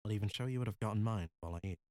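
A man's voice: fairly low pitch, very fast, darkish tone, lightly acted. A man voicing a weary, guilt-ridden inventor in an audiobook, speaking in a subdued, earnest way.

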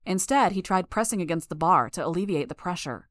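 A woman reading a first-person story aloud in a steady, measured way. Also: lowish voice, dry recording, studio quality. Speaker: audiobook narrator. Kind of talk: first-person audiobook narration.

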